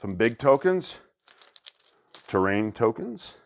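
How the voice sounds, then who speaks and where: A man hosting a board game channel, chatting excitedly as he unboxes a new game and thinks aloud. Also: medium pitch, slow, vocal fry, noisy background. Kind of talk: casual unboxing commentary.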